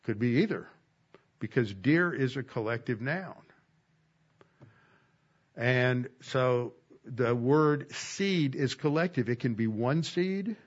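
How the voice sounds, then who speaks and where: A man teaching an expository Bible lesson, slowing down to stress key words. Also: mid-range voice, breathy edge, lo-fi sound.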